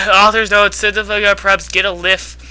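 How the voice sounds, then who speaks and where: A woman's voice: medium pitch, little pitch movement, measured pace, sharp tone, dry recording, low-quality recording. A young woman reading bad fanfiction aloud in a mocking, dramatic way, giggling, exasperated, and dropping into silly character voices. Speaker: fanfiction reader.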